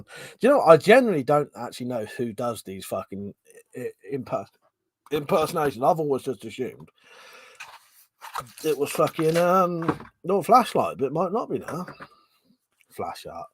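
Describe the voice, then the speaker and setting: This man's voice is a little high with a breathy edge, at normal speed but with long pauses, and there is no echo. In his forties, he chats casually on a live stream from a room at home, reading out comments, swearing and laughing through animated banter.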